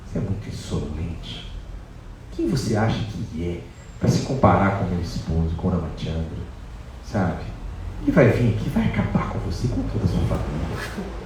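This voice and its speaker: A man's voice: low voice, big pitch swings, normal speed, noisy background, voice pushed down. A man voicing Sita as a defiant, proud captive queen who scolds her captor with scorn. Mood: scornful. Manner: scornful, commanding. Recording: echoey hall from far off.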